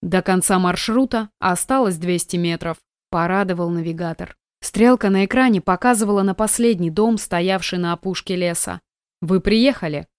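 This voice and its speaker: A woman's voice: fairly low pitch, normal speed, clean tone, no echo. Woman narrating a novel, dry close sound. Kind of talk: audiobook narration.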